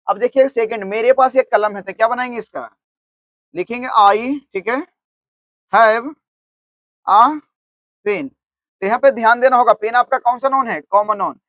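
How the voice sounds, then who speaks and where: A man teaching an online grammar lesson who keeps asking his own questions and answering them, spelling words out slowly as he writes. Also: very high-pitched, a bit bright, no room sound. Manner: repeats "theek hai" often, asks and answers his own questions; spells words out slowly while writing on the board.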